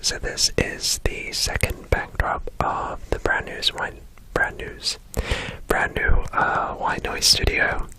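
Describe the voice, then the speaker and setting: An ASMR creator with an Australian accent, whispering softly into a close desk microphone in a small home studio, rambling with many fillers. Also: slow pace, low-quality recording. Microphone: close USB desk microphone.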